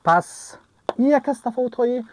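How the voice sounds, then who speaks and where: A man's voice: very high voice, expressive. A man teaching English. He repeats each example word several times and asks and answers his own questions. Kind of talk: online language lesson.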